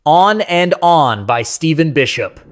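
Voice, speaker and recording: Slow and expressive, a man with a voice on the high side narrates a scripted nostalgic countdown with folksy, conversational sentimentality. Music plays behind his voice.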